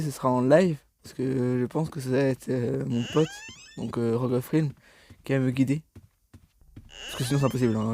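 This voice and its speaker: A man's voice: mid-range voice, creaky, mellow, a little hiss or hum. A tired young man commentating his gameplay casually, rambling, stammering and swearing as he plays. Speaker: gaming YouTuber.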